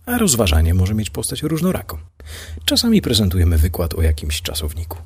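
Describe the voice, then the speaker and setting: A man hosting a devotional Bible program who reads scripture and introduces his reflection in a measured, solemn way. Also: deep voice, huge pitch swings, slightly rough. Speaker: radio host and Bible reader.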